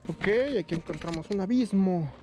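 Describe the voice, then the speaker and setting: A man's voice: sits high, moderate pace, a crowd in the background. A man with a Mexican accent vlogging casually on a night walk outdoors, chatty and slangy, with frequent exclamations. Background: music.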